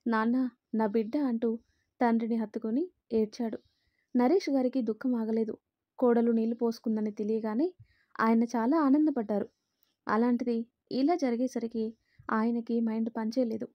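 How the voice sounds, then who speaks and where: A woman storyteller reading a family drama in a steady, expressive way. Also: on the high side, moderate pace, pauses often, dry recording, lo-fi sound. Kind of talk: scripted narration of a family drama.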